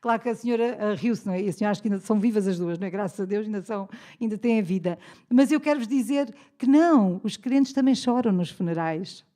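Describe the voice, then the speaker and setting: A woman's voice: medium pitch, fast talker, warm tone. A woman with a European Portuguese accent preaching a sermon in a church, conversational and often asking the congregation for an amen. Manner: conversational, calls for "amen" responses.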